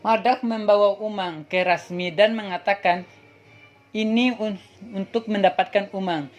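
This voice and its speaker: A woman reading an episode synopsis aloud in a plain, steady way, now and then stumbling over a word. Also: mid-range voice, a little slow, faint music behind. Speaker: channel host summarizing a TV serial.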